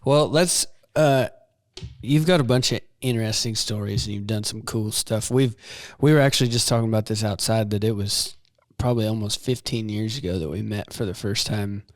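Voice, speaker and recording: Male podcast host, low voice, easygoing and laughing, dry close sound. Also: moderate pace, dry recording. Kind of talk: casual interview chat. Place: saddle shop.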